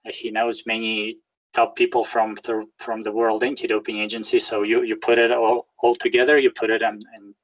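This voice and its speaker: A man with a Russian accent answering interview questions in a halting, careful way, often repeating words as he searches for phrasing. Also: on the low side, completely flat delivery, lo-fi sound. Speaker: interview guest, whistleblower. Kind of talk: conversational interview.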